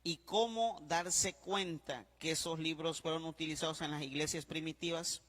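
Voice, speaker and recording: A man's voice: a little high, steady tone, moderate pace, a bit bright, big-room sound. A man, a priest teaching a class, who repeats his points, spells words out letter by letter and keeps checking that the class follows. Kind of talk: classroom lecture.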